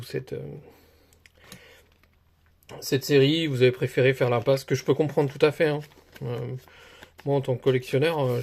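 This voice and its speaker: A man's voice: medium pitch, creaky, darkish tone, slight background noise. A young man casually commenting as he opens trading card packs, chatty and rambling with many hesitations. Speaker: card collector opening booster packs.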